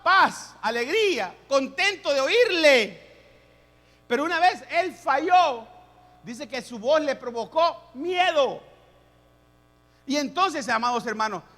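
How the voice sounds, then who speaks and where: A man preaching a sermon as a pastor, building to loud, rising emphasis as he addresses his congregation. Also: very high voice, in a large hall.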